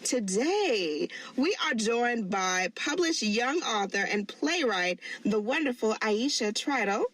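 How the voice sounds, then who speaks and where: An upbeat woman hosts a podcast with a slightly high voice. She sounds encouraging and keeps the questions moving. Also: animated, takes it slowly, hardly any pauses, fairly bright tone, low-quality recording. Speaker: podcast host. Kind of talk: podcast interview.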